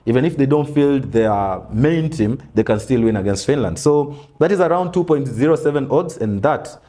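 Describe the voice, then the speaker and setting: A young man hosting a sports betting-tips show in a small studio, running through picks in a relaxed, casual way. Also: mid-range voice, normal speed. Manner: relaxed, lists picks with frequent "mm" backchannels. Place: small studio in front of a brick wall backdrop.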